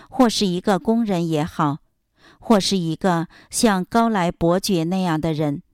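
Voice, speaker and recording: A woman narrating a religious biography as a steady, measured, solemn scripted reading. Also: fairly low pitch, smooth, no echo, clean studio sound.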